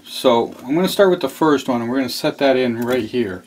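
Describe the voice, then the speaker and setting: A man's voice: mid-range voice, lively intonation, a little fast, a little mellow, slight background noise. A man casually narrating a step-by-step model railroad how-to while he works at his layout, repeating himself as he explains. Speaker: model railroad hobbyist demonstrating. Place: hobby room at a model train layout.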